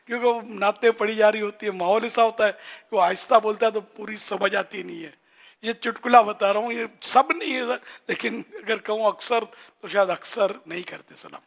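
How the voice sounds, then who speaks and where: An older man gives a religious talk in a Pakistani Urdu accent. His voice is fairly high and gravelly. He teaches in a conversational way and slows down to demonstrate phrases. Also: fairly bright tone. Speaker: religious scholar.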